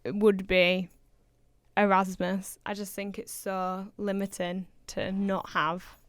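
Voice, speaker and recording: A woman's voice: mid-range voice, flat delivery, takes it slowly. Playful young Yorkshire woman chatting. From Yorkshire, England. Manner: chatty, playful, self-mocking. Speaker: podcast co-host. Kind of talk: casual chat.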